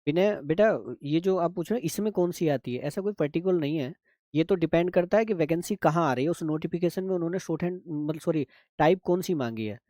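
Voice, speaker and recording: Patient shorthand teacher, dry close sound. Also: male voice, on the high side, fast talker, dark tone, no room sound. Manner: patient, repeats steps, checks if students understand. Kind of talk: live online class.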